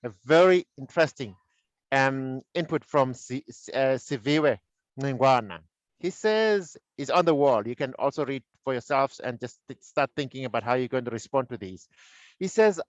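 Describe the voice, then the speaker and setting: A man's voice: medium pitch, dry recording. Courteous male webinar host, dry dull sound. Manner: courteous, keeps time, invites responses. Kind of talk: moderating a webinar panel.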